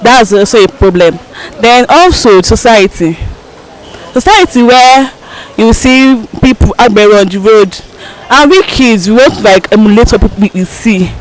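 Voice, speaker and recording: A woman's voice: fairly high pitch, a little slow, rough recording. A young woman with a Nigerian accent speaks off the cuff as an interviewee. She is outdoors, answering in an everyday conversational way. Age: young adult. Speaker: street interviewee.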